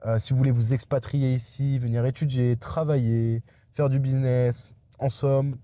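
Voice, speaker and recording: A man's voice: mid-range voice, flat delivery, moderate pace, mellow, dry recording. A young adult man vlogging from inside a car, rambling and digressive, with many hesitations and restarts. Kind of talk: rambling casual monologue.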